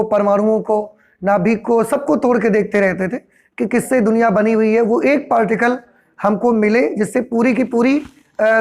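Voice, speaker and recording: Male teacher asking and answering himself. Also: high voice. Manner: asks rhetorical questions and answers them himself; repetitive, explanatory. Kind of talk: classroom lecture.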